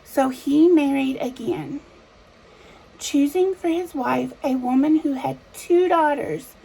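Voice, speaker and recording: A woman reads a children's story in classic fairy tale opening style. Her voice is high with a creaky edge, and she goes slowly, setting out each phrase simply for young listeners. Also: mellow, low-quality recording. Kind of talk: children's story read-aloud narration.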